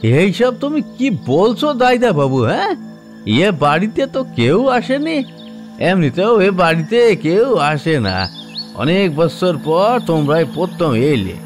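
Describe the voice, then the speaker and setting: A man's voice: high-pitched, sing-song, faint music behind, exaggerated voice. A man doing an old rustic caretaker. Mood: bewildered. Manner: rustic village speech, slow and pleading. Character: elderly male village caretaker, humble and earnest. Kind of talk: audio drama acting.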